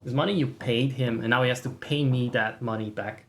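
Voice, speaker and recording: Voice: mid-range voice, steady tone, brisk. A livestream host chatting casually to viewers in a sarcastic, mock-boastful way, swearing freely. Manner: profane. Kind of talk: casual chat to stream viewers.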